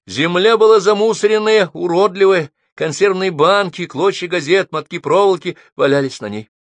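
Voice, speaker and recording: A man's voice: high-pitched, unhurried, dry recording, voice pushed up. A male reader voicing an earnest woman reading her own prose with emotion.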